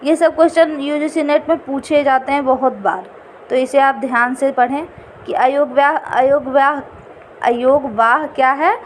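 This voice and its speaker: A woman teaching an exam-prep lesson, repeating each definition slowly. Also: sits high, steady tone, a little hiss or hum.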